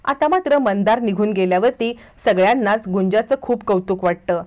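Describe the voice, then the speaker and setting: A woman narrating a recap of a television serial episode in a brisk storytelling manner. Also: medium pitch, darkish tone.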